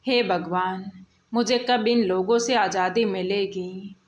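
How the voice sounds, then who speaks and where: A tearful, mistreated young daughter-in-law, as a woman storyteller puts her on, pleading softly. The lines come slowly, in a storybook read. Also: medium pitch, steady tone, lightly acted. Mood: despairing.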